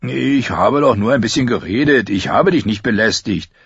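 A man's voice: medium pitch, lively intonation, moderate pace, husky, no echo, highs cut off. A man voicing a curious, chatty boy in an audiobook, eager and questioning.

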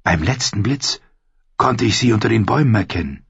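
A man voicing a grave, solemn boy who speaks in a measured, grim way close to his own reading voice, in an audiobook. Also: lowish voice, expressive, creaky, husky, dry recording, muffled recording, heavily acted.

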